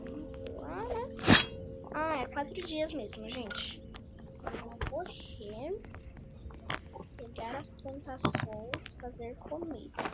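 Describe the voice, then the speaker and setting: A woman's voice: sits high, animated, slow pace, long pauses, over loud music, rough recording. A young woman commenting on a survival game, anxious and exclaiming often as she talks to her viewers. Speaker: gaming streamer.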